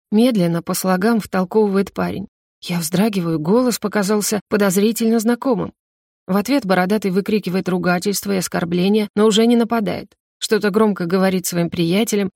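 A woman narrating a story in the first person, with steady tension. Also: medium pitch, dry recording, clean studio sound. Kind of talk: audiobook narration.

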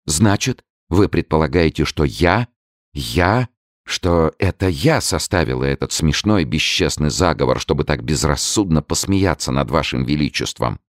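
A man's voice: extremely low pitch, animated, normal speed, no echo, clean studio sound. A man reading the part of a desperate young woman who pleads fervently and tearfully with a king, in an audiobook. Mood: pleading desperate.

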